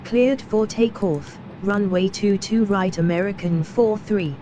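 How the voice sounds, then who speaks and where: A woman pilot explains cockpit procedures and reads back radio clearances at a medium pitch. A clear engine and air-conditioning hum runs behind her. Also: unhurried, dark tone, lo-fi sound. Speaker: flight simulator pilot and presenter.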